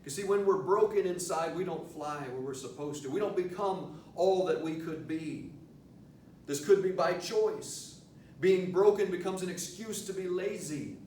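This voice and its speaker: A man's voice: moderate pace, darkish tone. A man giving an earnest, emphatic motivational lecture to students, leaning on rhetorical questions. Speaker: motivational speaker, teacher addressing students. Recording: echoey room, distant mic, low rumbling noise.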